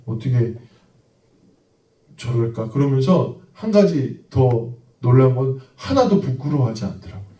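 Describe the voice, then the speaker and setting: In a church sanctuary, a male pastor tells an everyday story and then drives his point home with emphatic preaching. His mid-range, dark voice has lively intonation at normal speed, captured by a distant mic in an echoey room with the highs cut off.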